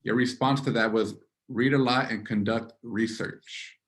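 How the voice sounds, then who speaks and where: A man's voice: medium pitch, steady tone, a little slow. A man hosting a podcast interview. He affirms and encourages his guest, often adding short acknowledgments. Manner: affirming, encouraging, frequent backchannels. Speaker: podcast host.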